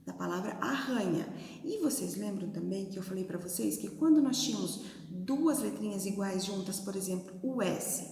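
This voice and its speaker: Lively Brazilian teacher in an echoey room. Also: female voice, mid-range voice, creaky. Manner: patient, sounds out syllables slowly, uses diminutives. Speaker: primary school teacher. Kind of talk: recorded video lesson for young children. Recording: echoey room with long reverb.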